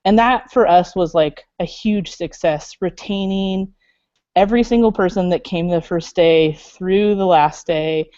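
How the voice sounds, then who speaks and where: A woman speaking on a video call in a lowish voice, chatty and loose, full of little fillers and asides. The sound is dull and lo-fi, with a dry, close feel. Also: measured pace, warm tone, no echo. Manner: chatty, many fillers, laughs. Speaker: library makerspace staff member. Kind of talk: casual video call interview.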